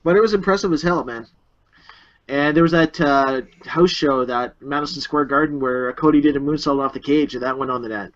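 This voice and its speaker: A man's voice: a little high, a little fast, fairly bright tone. Laid-back man on a lo-fi podcast. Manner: laid-back, laughs often, fillers and restarts. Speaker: podcast co-host. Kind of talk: casual chat. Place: room at home. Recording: dull lo-fi home recording.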